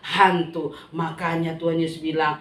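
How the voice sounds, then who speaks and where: A woman with a Manado Malay accent telling a Bible story to children in an animated way, often asking them questions. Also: low voice, moderate pace, reverberant. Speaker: Sunday school teacher.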